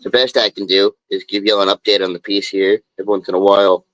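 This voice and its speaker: Low-pitched man chatting casually while he works. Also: little pitch movement, quick pace, fairly bright tone, dry recording, rough recording. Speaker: live streamer and tattoo artist. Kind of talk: casual chat while drawing. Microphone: phone.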